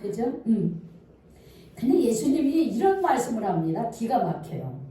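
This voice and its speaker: In a church sanctuary, a woman pastor preaches a sermon, putting questions to the congregation and answering them herself. Her warm voice is on the high side with big pitch swings at a normal speed, and it's recorded from far off in an echoey church hall.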